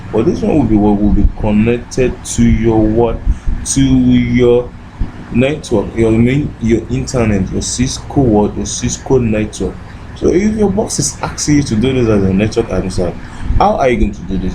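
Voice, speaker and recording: Against a noisy background, a man with a medium-pitched voice gives an informal, step-by-step tech tutorial as an instructor. He frequently poses short questions to himself and answers them, repeating "what."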